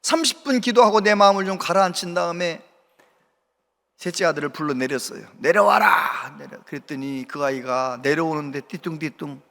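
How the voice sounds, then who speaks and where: A man preaching a sermon as pastor, telling a story in an animated way and acting out the people in it. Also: a little high, brisk. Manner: animated storytelling with acted quotes. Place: church sanctuary. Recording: long church reverb.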